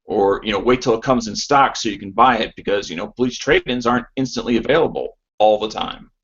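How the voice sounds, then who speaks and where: A man's voice: on the low side, fairly quick, a bit bright, slightly rough, muffled recording. A man hosting a casual voice chat, opinionated and prone to stammers and restarts.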